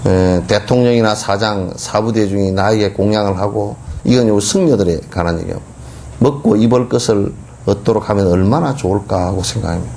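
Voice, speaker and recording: A middle-aged man, a Buddhist monk, giving a dharma lecture in a colloquial, mocking way with lively asides. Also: lowish voice, fairly quick, gravelly, a little hiss or hum.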